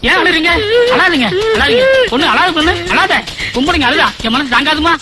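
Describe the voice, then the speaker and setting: A man's voice: very high voice, expressive, a little fast. An actor playing a flustered middle-aged village father who blurts startled grunts in a film comedy. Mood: bumbling. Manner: bumbling, with frequent startled "aa?" grunts. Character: fussy, flustered, smitten widowed village father. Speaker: father of a grown daughter. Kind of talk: Tamil film comedy dialogue.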